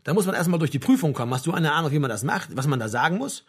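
A man's voice: on the high side, big pitch swings, racing, husky. A man reading an audiobook, voicing a frustrated young man in an exasperated, sarcastic tone.

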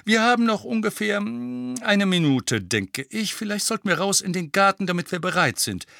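Guy voicing a kind soft-spoken wizard, voice pitched up a bit, bright. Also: animated, normal speed, gravelly, dry recording, studio quality, full character voice. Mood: gentle. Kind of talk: audiobook character voice.

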